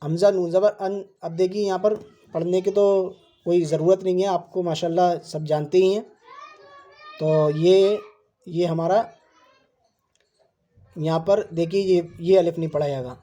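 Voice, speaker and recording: A Quran reading teacher giving an online lesson, spelling out letters and vowel marks syllable by syllable, repeating words slowly and patiently explaining rules to viewers. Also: mid-range voice, steady tone, warm tone, highs cut off.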